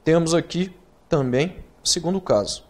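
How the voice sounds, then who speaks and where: A Brazilian man teaching writing in an online course, talking straight to the student with rhetorical questions and spelling acronyms out slowly letter by letter. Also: a little high, a little mellow. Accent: Brazilian Portuguese. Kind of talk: recorded online lesson.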